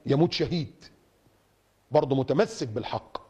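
A man's voice: mid-range voice, moderate pace, darkish tone, slightly rough. A man preaching an impassioned sermon in an Egyptian Arabic accent, emphatic and rhetorical, repeating phrases for stress.

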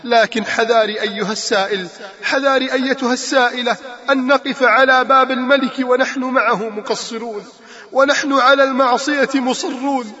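A man's voice: very high-pitched, fairly even intonation, fairly quick, bright, forceful tone. A man preaching a sermon, calling out to his listeners with repeated rhetorical questions. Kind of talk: sermon with Quran recitation. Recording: long reverb, muffled lo-fi sound.

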